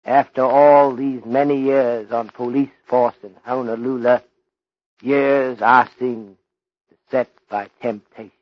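An actor playing a courteous, stern Chinese police detective in an old radio drama, speaking in deliberate, ornate English with articles dropped. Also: male voice, medium pitch, steady tone, no echo, natural voice. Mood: solemn, torn. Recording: dull lo-fi old radio recording.

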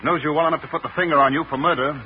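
An actor playing a hard, blunt homicide sergeant who accuses and gives orders in an old-time radio crime drama. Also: male voice, a little high, fairly even intonation, rapid-fire, natural voice. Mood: confident, accusing. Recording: dull, noisy old radio recording.

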